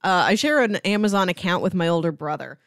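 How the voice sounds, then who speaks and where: A woman co-hosting a podcast, talking in a lively, chatty way and laughing easily. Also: on the low side, quick pace, no echo, clean studio sound. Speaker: podcast co-host. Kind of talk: casual chat.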